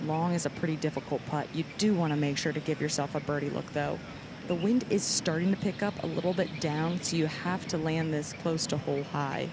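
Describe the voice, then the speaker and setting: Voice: mid-range voice, steady tone, brisk. On-course golf analyst, explanatory and matter-of-fact live commentary, noticeable open-air background noise.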